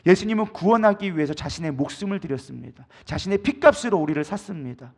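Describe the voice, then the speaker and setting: 남자 목사가 회중에게 질문을 던지며 힘주어 설교한다. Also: male voice, high voice, expressive, quick pace, darkish tone, husky. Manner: emphatic, asks the congregation many rhetorical questions. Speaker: pastor. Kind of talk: sermon.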